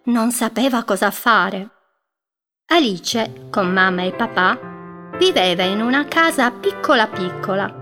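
A woman narrating a children's story in a gentle, unhurried storytelling manner, stretching words for effect. Clear music plays behind her the whole time. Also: fairly high pitch.

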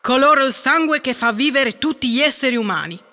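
A very high, piercingly bright voice plays the boastful color red in a storybook tale, proudly declaring itself the best, as a woman puts it on. It sounds far away in a hall with a long echo. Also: animated, fairly quick. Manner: proud, shouting. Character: boastful color red, self-proclaimed king.

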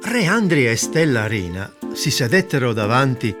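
A man narrates a fairy tale with lively, rising and falling storytelling. His mid-pitched voice carries over clearly audible guitar music. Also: moderate pace. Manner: expressive, lilting storytelling.

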